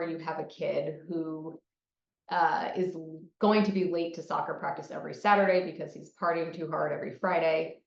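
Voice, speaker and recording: A woman with a low-leaning voice and vocal fry gives a recorded psychology presentation in a conversational style, often checking in with "right?". The recording sounds muffled, echoey and distant.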